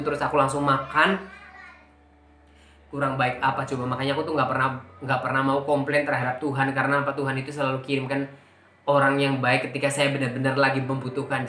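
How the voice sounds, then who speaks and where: Man telling a personal story, echoey room. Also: mid-range voice. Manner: emotional, animated retelling with acted-out quotes. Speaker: vlogger. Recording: echoey room with faint background music.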